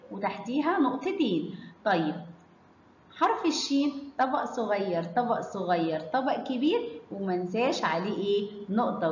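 A woman's voice: on the high side, echoey room, big-room sound, muffled recording, a little hiss or hum. A woman with an Egyptian accent teaching a reading lesson to children. She stretches out syllables as she sounds out words, and she asks the class questions and then answers them herself. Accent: Egyptian Arabic.

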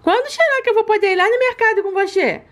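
A woman's voice: very high-pitched, quick pace, a bit bright, voice pushed up. A woman voicing a greedy, talkative baby girl doll, in a toy play video. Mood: pleading. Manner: cheeky, pleading, talkative.

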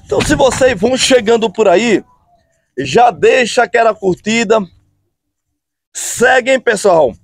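Standing on a road bridge above a river, a channel host from Brazil films his casual vlog on a phone held at arm's length. He sounds very high-pitched and animated, stretching out his phrases upbeat and often tacking on "hein, pessoal?", with no room sound.

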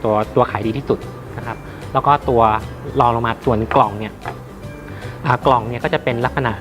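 Halting man presenting products over music. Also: medium pitch. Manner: halting, with frequent repeats and long hesitations. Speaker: radio equipment seller. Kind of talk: informal product demonstration.

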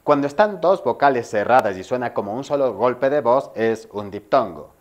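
A man's voice: mid-range voice, lively intonation, normal speed. A man from Ecuador, a spelling teacher, explaining grammar rules step by step in a video tutorial and checking in with the viewer as he goes.

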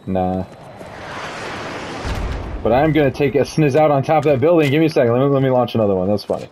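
A man's voice: medium pitch, animated, fast talker, warm tone. A man playing a shooter game with a friend, giggly and teasing, cursing now and then. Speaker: video game player. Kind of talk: casual gameplay banter. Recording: game noise behind.

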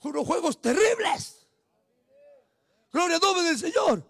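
A man with a Peruvian Spanish accent preaching a fiery evangelistic sermon, shouting and breaking in with praise exclamations over and over. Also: very high-pitched, big pitch swings, unhurried, creaky, no echo, studio quality. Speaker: street preacher.

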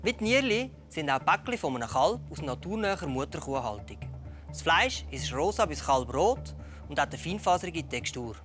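A man's voice: on the high side, big pitch swings, normal speed. A middle-aged man presenting prepared explanations as a meat expert. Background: faint music.

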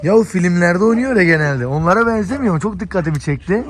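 A man vlogging casually as he walks through an animal shelter, talking straight to his viewers and calming the dogs along the way. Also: high voice, fast. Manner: chatty, addresses viewers directly, talks gently to dogs. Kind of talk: casual walk-and-talk vlog. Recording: noisy outdoor phone video with dogs. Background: dogs barking.

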